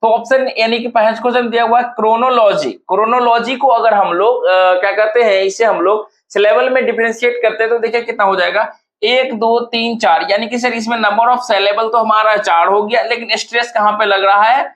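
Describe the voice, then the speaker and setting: A man's voice: high-pitched, fairly even intonation, normal speed, fairly bright tone. A man teaching an exam-prep lesson, explaining step by step and asking the class repeated questions.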